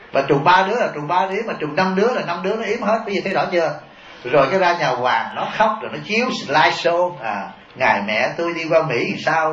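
Joking monk, echoey tape. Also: male voice, a little high, fairly bright tone. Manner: joking, chuckles often, rhetorical questions to the audience. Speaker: Buddhist monk teaching his followers. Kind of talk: humorous sermon. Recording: echoey, dull taped sermon recording.

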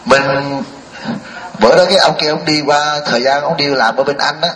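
A man's voice: fairly high pitch, moderate pace, a bit bright, a little hiss or hum. A man, a Buddhist monk giving a folksy, joking sermon and firing rhetorical questions at a live audience. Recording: echoey hall, mic at a distance.

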